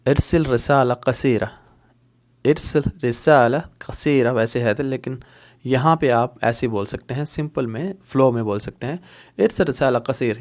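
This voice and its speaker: Patient male Arabic tutor, repeating words. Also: medium pitch. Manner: explains patiently, repeating each word several times; switches between Hindi-Urdu explanation and English glosses. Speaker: Arabic language teacher. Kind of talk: online language lesson.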